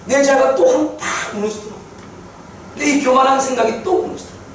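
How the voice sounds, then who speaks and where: High-voiced pastor in an echoey hall. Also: male voice, quick pace. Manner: animated storytelling, repeats words for emphasis. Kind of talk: sermon testimony. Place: church sanctuary. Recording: echoey church hall from far off.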